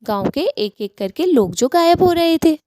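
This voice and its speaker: A woman narrating a cartoon story in a plain, steady storytelling manner. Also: high-pitched, moderate pace, no room sound, studio quality.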